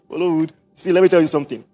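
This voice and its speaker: A middle-aged Nigerian man preaching a sermon, mixing in Pidgin asides and quick repetitions. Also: fairly high pitch, mellow. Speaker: pastor.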